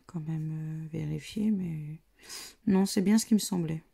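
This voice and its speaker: Deep, gravelly, and husky, this woman's dark-toned voice carries a French accent as she scratches lottery tickets for her vlog. She murmurs slowly and casually, reading the letters aloud one at a time.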